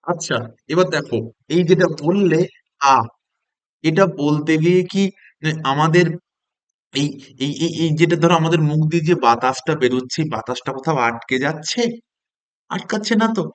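A man giving a model lesson, talking to imagined young pupils and then to trainee teachers, with slow, drawn-out stress on key words. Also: a little high. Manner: lively, animated classroom delivery to imagined children. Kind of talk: demo class for teaching-job candidates.

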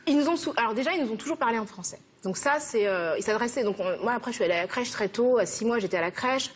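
A young woman from France, a guest in a TV interview, answering earnestly and quickly, thinking aloud as she goes. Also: a little high, expressive, slight background noise. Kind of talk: TV interview conversation.

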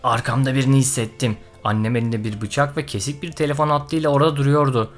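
A man's voice: medium pitch, steady tone, fast, faint music behind. A man narrating a tense first-person story in a dramatic, scripted style.

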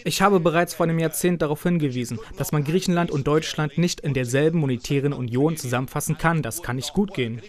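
Working as an interpreter, a man voices a German translation of a parliament speech as a voice-over. He talks fast with few pauses in a fairly high pitch.

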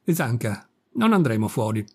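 A man's voice: mid-range voice, big pitch swings, moderate pace, mellow, husky. A man voicing a capricious, imperious old countess in an audiobook reading, peevish and scolding. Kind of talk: audiobook reading of a classic story.

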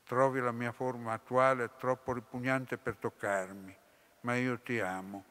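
Seductive serpent spirit, languid and sibilant, read by a man, slow, hall reverb. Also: mid-range voice, level tone, bright, forceful tone. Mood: adoring.

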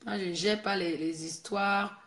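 Woman host of a casual live stream, scolding and preachy, mid-pitched, recorded in an echoey room. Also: fairly even intonation, unhurried, fairly bright tone. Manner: scolding, preachy, repeats herself.

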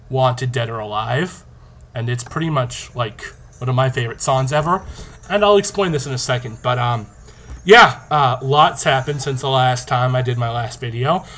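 Cocky young man with a bright, forceful voice. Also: medium pitch. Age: young adult. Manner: cocky, playful, boastful, animated. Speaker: video diarist in a zombie tag game. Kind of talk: casual vlog talk to camera. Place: small indoor room. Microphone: webcam or laptop mic at arm's length. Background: rock song playing.

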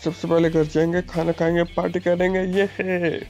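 Brief: man doing a high, flat-toned crooked young cop son, whiny. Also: moderate pace, highs cut off, faint music behind. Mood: meek. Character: greedy corrupt young police officer son. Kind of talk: gameplay story voice-acting.

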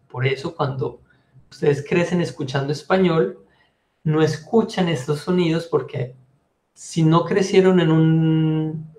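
A man's voice: fairly high pitch, a little mellow, echoey room. A man teaching a language lesson, patiently explaining pronunciation and repeating each sound over and over. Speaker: French teacher.

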